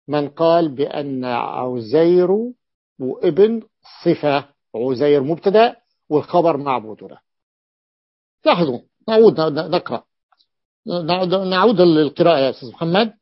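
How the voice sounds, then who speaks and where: A man's voice: on the high side, no echo. A man teaching a grammar lesson, who repeats key phrases and asks and answers his own questions. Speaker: sheikh teaching rhetoric. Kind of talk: classroom lesson explaining Arabic grammar. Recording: dull, dry lo-fi lecture recording.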